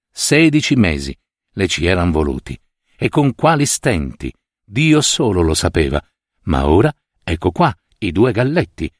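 Low, expressive male story narrator. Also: dry recording, studio quality. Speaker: reader of a short story. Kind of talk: literary audiobook narration.

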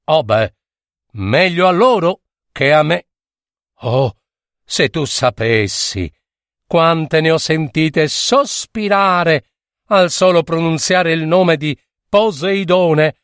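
A man's voice: expressive, slow, fairly bright tone, clear, resonant tone, no room sound, studio quality. A man voicing a sly overacting dolphin. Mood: theatrical. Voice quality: high, exaggerated, sighing. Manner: pleading, overacted, like a comedian. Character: sly theatrical male dolphin, flattering and scheming. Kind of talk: storybook reading.

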